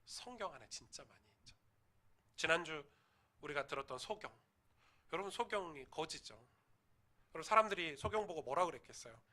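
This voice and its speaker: Guy pastor preaching in church, fairly high voice, super bright and sharp, tells stories, gets loud on the big points. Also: lively intonation, brisk, long pauses. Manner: storytelling sermon that swells to loud emphasis; addresses the congregation directly with questions. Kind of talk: sermon.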